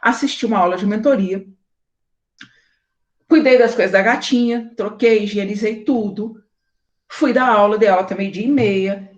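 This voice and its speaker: Animated Brazilian woman host. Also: medium pitch, moderate pace, long pauses, dull audio. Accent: Brazilian Portuguese. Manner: animated storytelling, acting out quoted dialogue; married woman recounting daily life. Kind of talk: casual talk to an audience.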